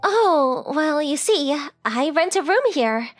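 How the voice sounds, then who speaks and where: A woman with a high-pitched, animated voice speaks slowly over faint background music. She's voicing a sweet, polite rich teenage girl, both coy and forward, in an anime-style romantic comedy comic dub.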